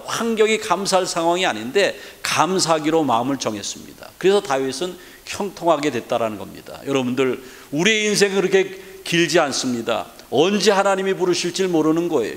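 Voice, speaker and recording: A man's voice: on the high side, fairly bright tone, long reverb tail. A man preaching a sermon as pastor, in an earnest tone. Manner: earnest preaching, acting out quoted prayers. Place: church sanctuary.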